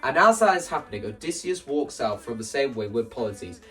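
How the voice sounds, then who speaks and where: In a casual vlog explaining his ideas for staging a musical, a video creator talks briskly, far from the mic. His medium-pitched voice is very animated and a bit bright; he rambles with enthusiasm, interrupts himself often, and acts out quoted lines.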